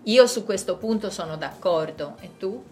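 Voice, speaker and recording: A woman takes part in a scripted dialogue for language learners. She speaks clearly and at a measured pace, in a mid-pitched voice. Soft music plays faintly behind her. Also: expressive. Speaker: dialogue partner in a language lesson.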